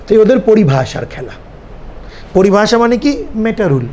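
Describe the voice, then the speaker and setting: High-voiced Bengali man lecturing. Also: big pitch swings, moderate pace, dark tone, a little hiss or hum. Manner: explanatory, often checking understanding with the listeners. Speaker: seminar teacher. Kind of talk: lecture to students.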